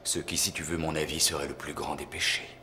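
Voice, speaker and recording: A man's voice: a bass voice, level tone, brisk, bright, forceful tone, roomy sound, big-room sound, slight background noise, full character voice. An actor playing a menacing, messianic villain in a film drama, preaching grandly to the woman he is obsessed with. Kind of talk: dubbed film drama monologue.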